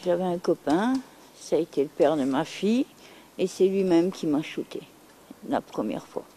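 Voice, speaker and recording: Blunt Frenchwoman, mellow voice. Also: fairly low pitch, moderate pace, slight background noise, rough recording. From France. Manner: blunt, repetitive, emphatic. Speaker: interviewee. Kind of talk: candid testimony.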